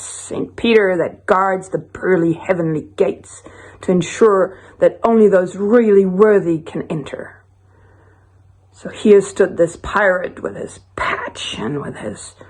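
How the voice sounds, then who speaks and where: Woman storyteller, husky voice, rambling joke, animated, restarts often. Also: lowish voice.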